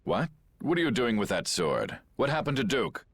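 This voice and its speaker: A man's voice: medium pitch, sing-song, normal speed, a bit bright, slightly rough, exaggerated voice. A man voicing a scheming, grandiose aristocratic villain in a video game, speaking in a pompous, mocking way. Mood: gloating. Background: game soundtrack.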